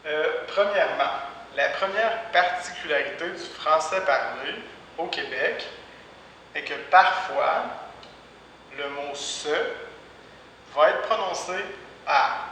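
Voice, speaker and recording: A man teaching a language lesson, speaking deliberately and repeating each example twice. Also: on the high side, bright, forceful tone. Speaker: French teacher. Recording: echoey room, voice far from mic, faint background hiss.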